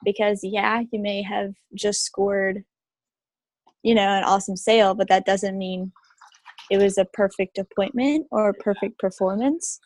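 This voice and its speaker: A woman in a sales training, calmly explaining how to review appointments. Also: mid-range voice, unhurried, no echo, rough recording. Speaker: sales team member in a training. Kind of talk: casual group discussion.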